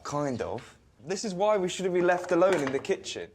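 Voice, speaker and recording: A man's voice: high-pitched, very animated, normal speed, a little mellow, slight background noise. A young man cooking on his father's cooking show, joking and teasing his brother. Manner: cheeky, teasing. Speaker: chef's son cooking on the show. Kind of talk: casual banter in a kitchen.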